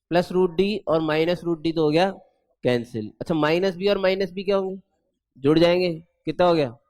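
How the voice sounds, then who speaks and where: A man teaching math in a chatty, playful classroom lecture, quizzing students with rhetorical questions and stretching out formulas slowly. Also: a little high, darkish tone, no room sound.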